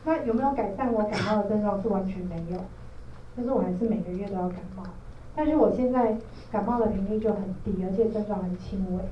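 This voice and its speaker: A distant, echoey recording carries a woman presenter with a Taiwanese Mandarin accent. She explains in an informal lecture style and often checks that listeners follow. The sound is slightly dull. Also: mid-range voice. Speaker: product trainer, presenter. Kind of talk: informal training lecture to a group. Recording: roomy echo, distant mic, dull, faint noise.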